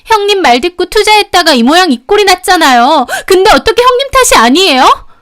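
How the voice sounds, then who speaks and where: A woman's voice: very high-pitched, sing-song, a little fast, a bit bright, voice pushed up, heavily acted. A woman voicing a furious, sobbing young woman who shrieks accusations at a family meal. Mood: shrill, furious.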